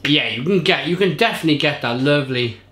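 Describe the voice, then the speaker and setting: A man in his thirties speaks at a quick pace in a slightly high, animated voice that is bright and forceful, in an echoey room. He's giving a casual, enthusiastic beer tasting review to camera, gesturing a lot while describing the flavours. The setting is an indoor home kitchen bar with shelves of bottles.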